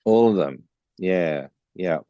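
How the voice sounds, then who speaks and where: Deep, dark bass-baritone man. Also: expressive, slow pace, no room sound, dull audio. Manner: chatty, storytelling with many fillers. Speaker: guest songwriter. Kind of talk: casual interview chat.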